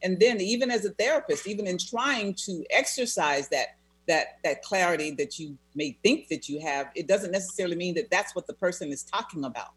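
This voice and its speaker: A therapist being interviewed, speaking in a measured, reflective way and repeating phrases for emphasis. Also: medium pitch, expressive, fairly bright tone, husky. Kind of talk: conversational interview.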